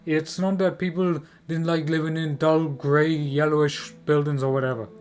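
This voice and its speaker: Emphatic higher-voiced man over clear music. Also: little pitch movement, moderate pace, a little mellow. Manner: emphatic and repetitive, with rhetorical questions. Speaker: video game commentator. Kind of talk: opinion commentary on a game preview.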